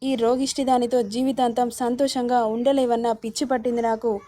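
A woman's voice: on the high side, little pitch movement, moderate pace, dark tone, a little hiss or hum, natural voice. A woman voicing a hurt, fiery young wife who speaks in a pleading, reproachful way. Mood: upset.

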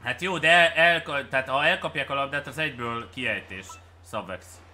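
A Hungarian man streaming a game with viewers, cheering and shouting at plays and then muttering to himself. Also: mid-range voice, a little hiss or hum. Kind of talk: excited live game commentary.

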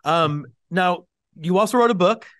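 A man's voice: high voice, measured pace, a bit bright, no room sound, studio quality. A man hosting a baseball podcast, joking and playing down his own bits while he interviews a guest. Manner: jokey, self-deprecating. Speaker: podcast host. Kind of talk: casual interview chat.

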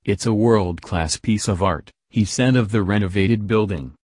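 A man reading a news article aloud in an even, measured way, quotes read plainly. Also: lowish voice, no room sound, studio quality. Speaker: news reader.

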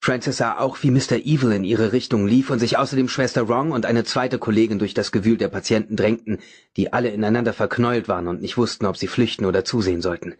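Husky male audiobook narrator. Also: on the low side, fairly even intonation, fast. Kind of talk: scripted narration.

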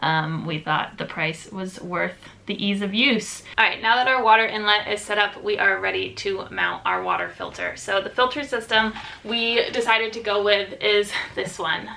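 A young adult woman's medium-pitched voice, pushed and bright with vocal fry, guides viewers through plumbing on her bus conversion. Speaking from inside the bus, this vlogger gives a practical, step-by-step DIY explanation with frequent ums.

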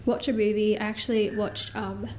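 A young Australian woman in her twenties vlogs casually to her phone camera, held at arm's length in her living room and kitchen. Her medium-pitched voice is a little mellow and fairly flat, at a moderate pace, and her nose sounds stuffy and congested. She talks frankly and chattily, full of "like" fillers, with a little hiss or hum in the audio.

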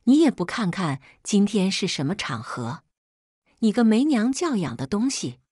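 A woman's voice: medium pitch, sing-song, moderate pace, darkish tone, breathy edge, no echo, clean studio sound. A woman voicing a harsh, angry middle-aged father who talks coldly and cuttingly. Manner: cold, cutting.

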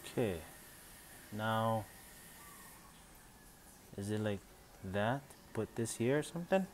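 Guy with a lowish voice rambling through an unboxing at home, phone recording, bit of hiss. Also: lively intonation, slow pace. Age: adult, father of three. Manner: thinks aloud, unsure and chatty. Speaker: channel host. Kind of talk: casual unboxing vlog. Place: home room with Christmas tree. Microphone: phone camera.

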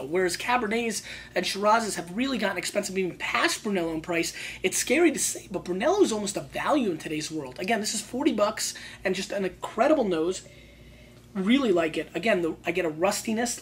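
Woman giving casual wine tasting notes, noisy recording. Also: mid-range voice. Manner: emphatic, colloquial, repeats phrases for emphasis. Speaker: wine show host.

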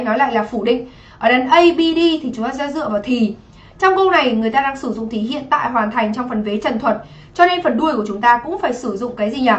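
A woman's voice: on the high side, fairly bright tone, roomy sound, highs cut off. A woman teacher going through English exam answers step by step and often checking with the class whether they follow. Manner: explains step by step, often asks "right?". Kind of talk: exam review lesson.

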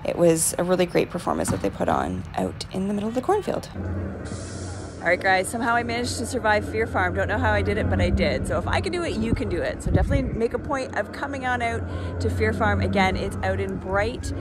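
A woman's voice: medium pitch, sing-song, fast talker, loud music behind the voice. A woman, chatting upbeat into a phone held at arm's length outdoors at night. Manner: chatty, upbeat selfie commentary. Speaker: real estate vlogger. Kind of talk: casual vlog tour. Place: outdoors at night at a farm attraction.

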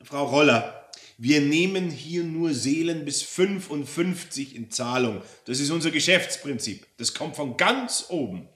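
A man's voice: a little high, lively intonation, a little slow, fairly bright tone, voice pushed up. A man voicing a meek, harried male devil who works as a rule-bound clerk, reading a story aloud. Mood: fussy. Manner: pleading, apologetic, fussy about rules. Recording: roomy echo.

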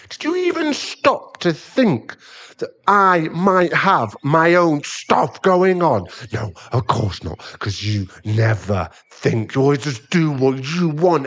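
In an ASMR roleplay, a man plays an irritable sugar daddy boyfriend, pleading for space in an angry, exasperated tone. He speaks slowly and haltingly, sighing, his slightly bright pitch swinging widely in a heavily acted performance.

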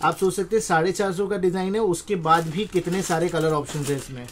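Indian man giving an emphatic sales pitch. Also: fairly even intonation, fairly quick, a little hiss or hum. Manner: repetitive, emphatic selling patter.

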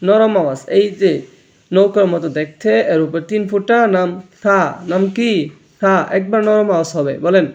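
In a muffled recording, a man with a high, mellow voice speaks fairly quickly. His slow spoken lesson teaches Quran reading, covering how letters are pronounced and repeating every sound so learners can copy it.

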